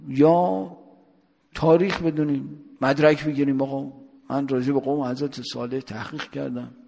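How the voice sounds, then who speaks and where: A man's voice: mid-range voice, gravelly, darkish tone, slightly rough. A man preacher giving a sermon, telling a story and asking his listeners rhetorical questions, with a long hall reverb. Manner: rhetorical questions, drawn-out emphasis.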